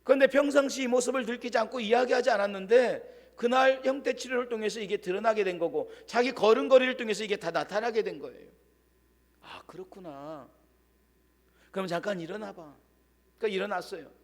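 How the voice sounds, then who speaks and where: A male pastor preaching a sermon, telling a story dramatically and dropping to a hushed voice for quoted lines. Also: very high-pitched, fast talker. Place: church sanctuary. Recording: long church-hall reverb.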